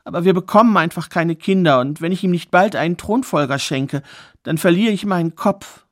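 A distraught young queen from a spoken fairy tale, her voice lifted high and anxious, as a man puts her on. She pleads and protests in alarm, sounding close to tears. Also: brisk, lightly acted.

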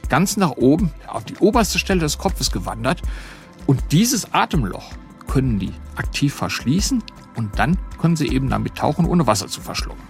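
A man speaking as an expert, explaining step by step in simple words, as in an interview. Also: mid-range voice. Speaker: whale expert.

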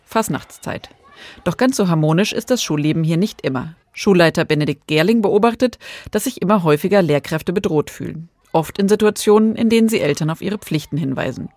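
A woman reporter reading a scripted radio feature in a measured way. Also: fairly low pitch, darkish tone.

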